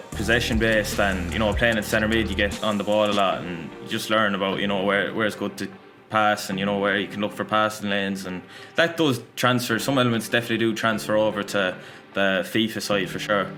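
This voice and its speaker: A man's voice: fairly low pitch, fairly even intonation, a little fast. A man in his early twenties with a west of Ireland accent, answering interview questions casually and often adding "you know". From Galway, west of Ireland. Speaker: esports player, interviewee. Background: music.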